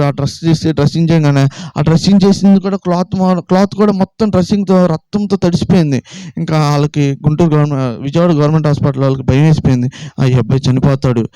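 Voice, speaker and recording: A man from Andhra Pradesh telling his personal faith testimony, retelling events in rapid, repetitive storytelling and acting out quoted dialogue. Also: a little high, mellow, smooth, no echo, rough recording. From Vijayawada, Andhra Pradesh. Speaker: testimony speaker.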